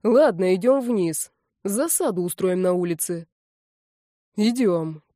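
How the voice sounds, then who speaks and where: A woman's voice: lowish voice, animated, slow pace, warm tone, no echo. A woman reading the part of a rude, irritable grown man in an audiobook, with a dry sound. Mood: gruff flustered. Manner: gruff, then flustered.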